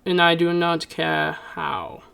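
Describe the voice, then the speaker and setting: Man voicing a slow, creaky old fortune-teller woman. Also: a little high, flat delivery, sharp tone, heavily acted. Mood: ominous, demanding. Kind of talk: tabletop game role-play.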